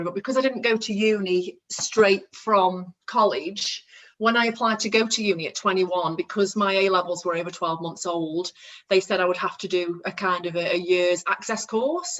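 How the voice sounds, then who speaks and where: A woman's voice: mid-range voice, fairly bright tone, low-quality recording. Female podcast guest, Stoke accent, mid-range voice, conversational and informal interview delivery. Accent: Stoke-on-Trent, English. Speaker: podcast guest, construction business owner.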